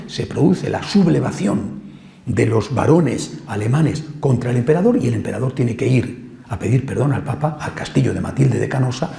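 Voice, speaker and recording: A man preaching a sermon with a gravelly, mellow voice that swings widely in pitch. He builds fervently over repeated phrases, then drops low and quiet for emphasis. The sound carries the echo of a roomy space. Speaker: priest. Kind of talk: sermon teaching. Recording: echoey room.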